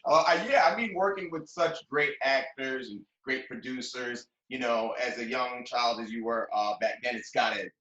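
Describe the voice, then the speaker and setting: A man hosting an entertainment interview, upbeat and quick with little affirming noises. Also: medium pitch, a bit bright, highs cut off. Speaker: interview host. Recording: roomy echo.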